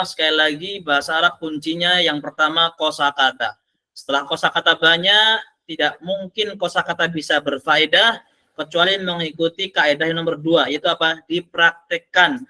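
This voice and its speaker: A man's voice: on the high side, sharp tone. A man teaching an online Arabic class, quizzing students and praising their answers.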